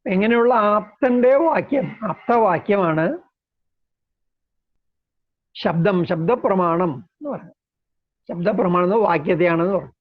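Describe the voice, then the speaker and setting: A man lecturing on philosophy in a slow, measured way, explaining terms step by step. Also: high voice. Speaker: lecturer on Indian logic. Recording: dull lo-fi recording.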